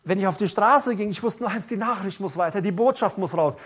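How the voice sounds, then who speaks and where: A middle-aged man preaching a sermon, telling personal stories in an animated way with some stammering. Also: sits high, a little fast, breathy edge.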